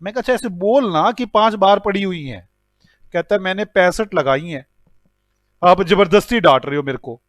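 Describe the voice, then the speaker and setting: A man lectures an accounting class in a high voice. He dramatizes his examples, playing both the scolding boss and the whining staff. The recording is dry and close. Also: moderate pace, no echo. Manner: animated storytelling, acting out scolding and a crying manager. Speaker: accounting teacher.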